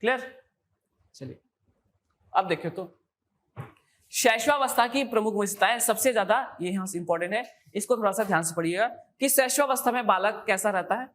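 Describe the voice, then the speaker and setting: A woman's voice: medium pitch, a little fast, pauses often. A woman teaching an exam coaching class in a classroom, repeating key terms and quizzing her students with questions.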